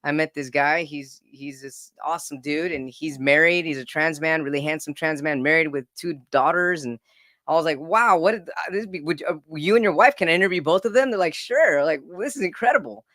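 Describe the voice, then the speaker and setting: A man in his forties, a podcast guest, tells his own story casually and earnestly, often repeating words as he begins a sentence. His voice is on the high side, brisk and sharp-toned, captured in a dry, studio-quality recording.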